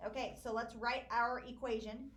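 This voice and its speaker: A woman math teacher lecturing a classroom, walking through problems step by step and hushing her students. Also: fairly high pitch, level tone, normal speed. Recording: echoey classroom recording.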